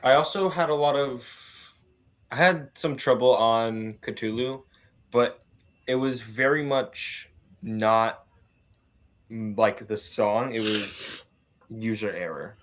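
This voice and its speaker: A man's voice: medium pitch, slow pace, long pauses, a bit bright. A man and band guitarist chatting casually over a video call, his audio crackling and cutting out from a loose cable. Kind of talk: casual chat.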